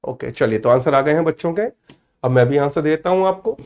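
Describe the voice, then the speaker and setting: A man with an Indian accent teaching an online English grammar class, calling students by name, checking they follow, and saying English phrases slowly word by word. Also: on the high side, a little mellow. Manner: addresses students by name, asks "clear?" often; mixes Hindi with slow, spelled-out English.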